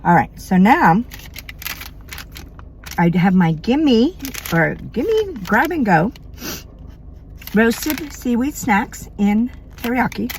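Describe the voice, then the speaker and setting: A woman's voice: on the high side, very animated, takes it slowly, long pauses, slight background noise. A middle-aged woman from Maine chatting casually between bites in an eating vlog at home at night. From Maine, USA. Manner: chatty, eats between sentences. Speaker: mukbang vlogger.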